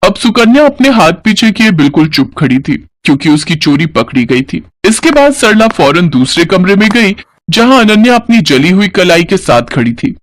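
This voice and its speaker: A man's voice: high-pitched, moderate pace, no room sound. A man narrating a scripted moral story for a cartoon. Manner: even, storytelling delivery.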